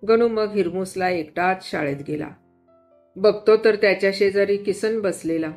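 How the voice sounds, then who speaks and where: A woman storyteller reads a tale with lively expression. She changes pitch and loudness for each character, and a soft guitar plays faintly behind her voice. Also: moderate pace. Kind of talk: Marathi story reading.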